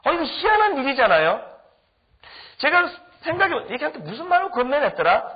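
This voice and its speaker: A middle-aged man preaching in a high, animated voice that swings up and down. He tells funny anecdotes and acts out the people in them. The recording is dull and lo-fi. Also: fairly quick. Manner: animated, humorous anecdotes with acted-out quotes. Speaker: pastor. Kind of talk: storytelling sermon.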